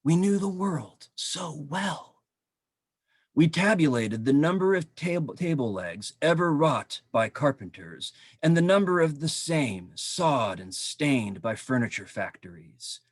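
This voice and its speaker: A man's voice: on the high side, breathy edge, dry recording, studio quality. Man reading his own poems aloud. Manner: measured, dramatic reading with slow drawn-out phrases; relaxed, halting asides with frequent ums. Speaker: poet. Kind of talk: poetry reading. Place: home, virtual event. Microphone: video call.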